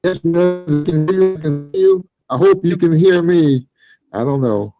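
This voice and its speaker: A man's voice: fairly high pitch, normal speed, soft background music. A man answering politely in a court hearing over a remote call whose audio keeps breaking up in and out. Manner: polite, repeats himself to be heard. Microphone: remote call connection. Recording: dull, choppy lo-fi call audio.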